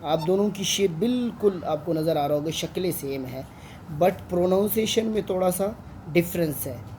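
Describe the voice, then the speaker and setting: A man's voice: high voice, animated, normal speed, darkish tone, slight background noise. A man with a Pakistani Urdu accent, an online Quran tutor patiently teaching Arabic letters and drawing out each sound.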